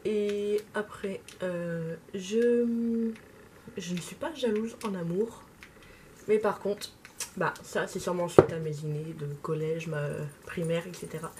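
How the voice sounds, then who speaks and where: Brief: young woman vlogger with a slight lisp, halting casual chat, faint noise behind. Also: lowish voice, darkish tone. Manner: hesitant, many fillers. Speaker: makeup vlogger. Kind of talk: casual talk while doing makeup.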